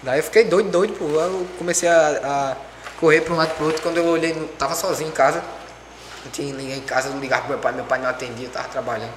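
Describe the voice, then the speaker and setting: A young man telling a story in casual chat, animated and acting out quoted dialogue. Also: fairly high pitch, racing. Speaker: podcast guest. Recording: echoey room with faint background noise.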